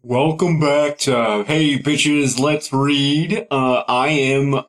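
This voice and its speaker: A man voicing a blasé teenage boy podcaster who reads along offhandedly and bursts into loud silly impressions. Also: mid-range voice, very slow. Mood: offhand. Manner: offhand, drawling, bursts into a shouty fake accent.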